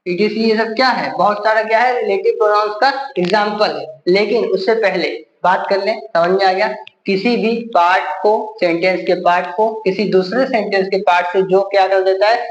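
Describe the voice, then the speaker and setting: A man's voice: sits high, fairly even intonation, fairly quick, echoey room, dull audio. A male teacher giving a grammar lesson with a Hindi accent, constantly asking the class rhetorical questions and answering them himself.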